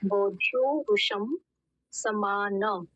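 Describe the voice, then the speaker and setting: A woman's voice: medium pitch, drawn-out words, a bit bright, highs cut off. A woman student in an online class, asking a hesitant question about pronunciation.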